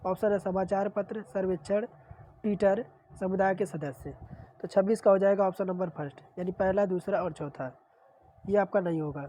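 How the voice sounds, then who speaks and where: On a rough recording with a little hiss or hum, a woman teacher works through exam questions, reading each and explaining the answer. She has a sore throat and clears it often, and her dark, medium-pitched voice stays fairly even at normal speed.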